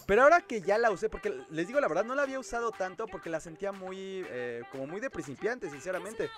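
High-voiced Mexican man hosting a livestream. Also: animated, fast. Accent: Mexican Spanish. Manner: chatty, reads viewer comments aloud and replies. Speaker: livestream host. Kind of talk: casual livestream chat.

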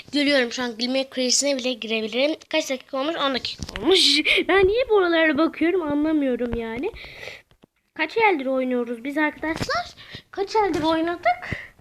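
A woman giving let's-play commentary as a gaming channel host, excitable and groaning and exclaiming whenever she fails. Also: high-pitched, fairly quick, a little hiss or hum.

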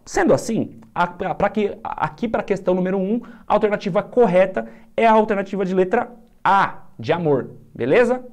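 A male teacher, going through exam questions in a casual lesson, upbeat and chatty, drawing out key words slowly. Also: high-pitched, expressive.

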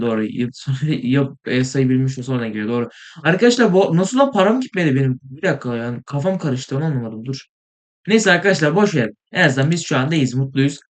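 Young male gaming host, tired, quick and slightly high, excitable rambling commentary. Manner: rambling, excitable, swears in frustration, trails off into mumbling. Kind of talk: casual gameplay commentary.

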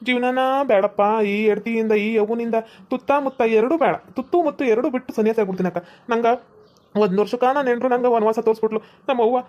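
A woman's voice: on the high side, fast, lo-fi sound, close to an everyday voice. A woman voicing a ranting old village man, Lakshmanappa. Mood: fed up. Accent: North Karnataka Kannada. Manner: ranting, complaining loudly. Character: grumpy old village man, loud and angry. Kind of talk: cartoon comedy voice acting.

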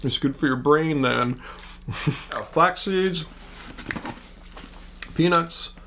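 A man's voice: on the high side, slow, pushed and bright, a little hiss or hum. A man chatting casually on a snack tasting vlog while chewing as he talks. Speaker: co-host of a snack tasting channel. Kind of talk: casual chat.

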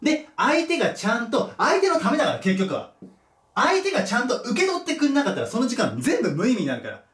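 A man's voice: very high voice, huge pitch swings, fast talker, fairly bright tone. A male teacher giving a casual lecture, thinking aloud and correcting himself as he goes. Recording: echoey room, mic at a distance.

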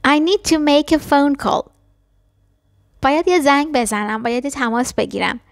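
A woman teaching a language lesson, explaining quickly and then repeating short phrases slowly and carefully. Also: high-pitched, no room sound, clean studio sound. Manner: switches between fast explanations and slow, careful repetitions. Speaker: English teacher.

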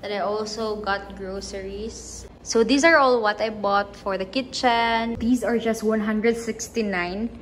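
A woman, chatting casually through a vlog, soft-spoken and laughing easily. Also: medium pitch, steady tone, unhurried, hardly any pauses, slight background noise, low-quality recording. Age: 20s. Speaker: vlogger. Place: small apartment room, indoors. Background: background music.

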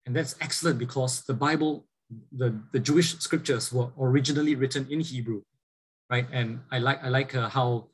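The recording is rough as this man, a Bible teacher, gives an earnest church lecture accompanied by slides. His medium-pitched, breathy voice moves at normal speed with fairly even intonation, full of fillers, rhetorical questions and repeated restarts.

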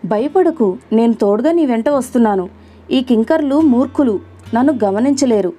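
A woman's voice: on the high side, animated, normal speed, dark tone. A woman voicing a teasing young male spirit. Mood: reassuring. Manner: teasing, murmured close to the ear. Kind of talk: audiobook character voice.

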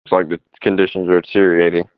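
A firefighter speaking in terse procedural phrases over a two-way emergency radio, like ambulance radio traffic. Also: male voice, low-pitched, completely flat delivery, rapid-fire, clear, resonant tone, no room sound. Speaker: firefighter on roof crew. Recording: dull lo-fi radio transmission.

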